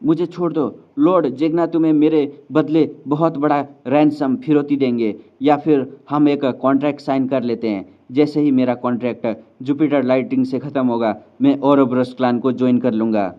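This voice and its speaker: A man's voice: mid-range voice, fairly even intonation, moderate pace, few pauses, natural voice. A man voicing a cowardly male magus who grovels and begs for his life. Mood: pleading. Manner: pleading, groveling. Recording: slightly dull lo-fi sound.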